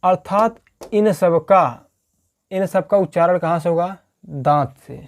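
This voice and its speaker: A man's voice: high voice, measured pace. A male teacher explaining a grammar lesson at a board. He keeps checking in with "theek hai", asks the class questions, answers them himself and repeats each point.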